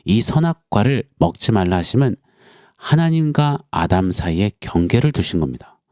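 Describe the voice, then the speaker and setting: A man preaching an earnest dawn sermon as pastor, acting out quoted voices with dramatic pauses. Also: lowish voice, very animated, a little mellow, no echo, clean studio sound.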